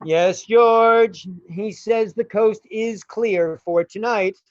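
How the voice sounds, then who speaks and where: Woman playing a careful halting crook middleman in a radio play, slow talker, muffly sound. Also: medium pitch, close to an everyday voice. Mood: cautious, hesitant. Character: cautious, hesitant criminal go-between giving orders. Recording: dull, echoey room sound.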